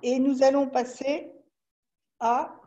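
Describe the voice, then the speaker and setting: A woman's voice: high voice, little pitch movement, slow, dark tone, highs cut off. A woman presenting educational games in a webinar, patiently walking through the rules step by step over a video call. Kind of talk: explaining a product webinar.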